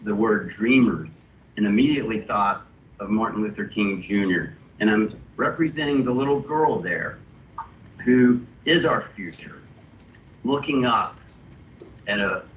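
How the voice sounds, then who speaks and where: A lowish man's voice heard over a video call, thoughtful, stopping and restarting as he explains his artwork. The sound is muffled and dull, with a faint hiss underneath. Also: a bit bright. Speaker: illustrator. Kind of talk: walking through his artwork.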